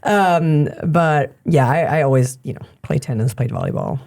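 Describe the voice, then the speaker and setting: A woman in her thirties from Germany talks through an easygoing podcast interview. Her voice sits low and mellow, and she fills her answers with small laughs and thinking pauses. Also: gravelly. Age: 30s. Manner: relaxed, laughs often, many ums. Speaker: podcast guest, gym owner and coach. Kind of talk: casual interview chat.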